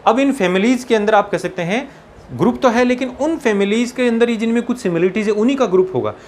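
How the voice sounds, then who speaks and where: A man teaching biology for an entrance exam, mixing Hindi and English, slowing down to dictate textbook lines and often checking in with his students. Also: sits high, a little mellow, a little hiss or hum. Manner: slows down to dictate English textbook lines, keeps asking "ठीक है ना". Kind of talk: exam-prep lecture, Hindi mixed with English.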